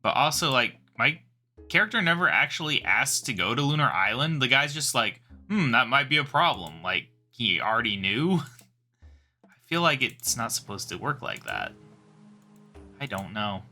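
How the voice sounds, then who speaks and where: A man muses wryly over a game playthrough in a bright, lively voice. Soft music plays faintly behind him. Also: mid-range voice, moderate pace. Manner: wry, musing. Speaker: gaming video host. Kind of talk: casual let's-play commentary.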